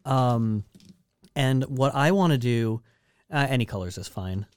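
Clear-voiced man rambling through plans. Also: medium pitch, lively intonation, measured pace, no echo. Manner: rambling, many ums and uhs. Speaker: podcast host running trivia. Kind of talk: casual chat.

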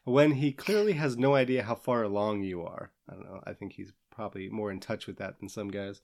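Lowish-voiced young man reading prompts on a podcast. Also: a little fast, creaky. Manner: relaxed, reads prompts from a list, laughs often. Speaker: podcast co-host. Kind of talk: casual chat.

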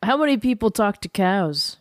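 A woman co-hosting a casual podcast, playful and giggly with quick reactions. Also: medium pitch, sing-song, no echo, studio quality. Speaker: podcast co-host.

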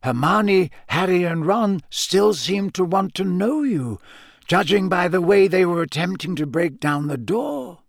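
A man voicing a wise old wizard headmaster in a storybook, measured and formal, with dry whimsy and calm authority. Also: high-pitched, no echo, voice pushed up, exaggerated voice. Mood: gently pointed.

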